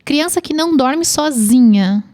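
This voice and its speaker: Woman host in a chat, bit high, quick little questions and chime-ins. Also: expressive, a little mellow. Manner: short backchannel replies and questions. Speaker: podcast host. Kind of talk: casual interview.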